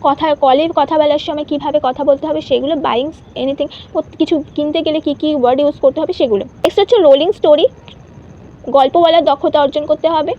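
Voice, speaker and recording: A woman teacher giving an exam-prep lesson, reading each English point out slowly before she explains it. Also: sits high, steady tone, muffled recording, slight background noise.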